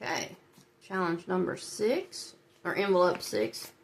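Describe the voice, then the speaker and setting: A woman with a lowish voice talks a little slowly, her pitch swinging widely. Host of a budgeting channel, she sounds stuffy from a cold while chatting to viewers and laughing softly as she works on savings challenges.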